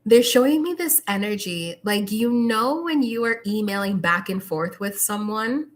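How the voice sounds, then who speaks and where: A woman's voice: mid-range voice, animated, a little slow. A woman giving a live tarot reading, talking straight to the viewer with lots of "like" fillers and firm warnings. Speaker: tarot reader.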